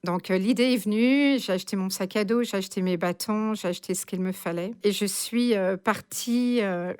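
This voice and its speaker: A woman's voice: mid-range voice, moderate pace, a little mellow, clear, resonant tone. A woman in her sixties from France, a radio guest telling her story with many hesitations and fillers. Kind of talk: casual radio interview.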